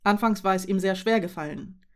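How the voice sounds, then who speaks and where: A woman narrating a novel in a steady, measured reading voice. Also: mid-range voice. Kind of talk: audiobook narration.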